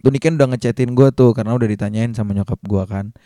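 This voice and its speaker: Guy in his 20s telling a story, super casual and slangy, mellow voice. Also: mid-range voice, quick pace, no echo, clean studio sound. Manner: lively slangy retelling, acts out quotes in a raised voice. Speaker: vlogger.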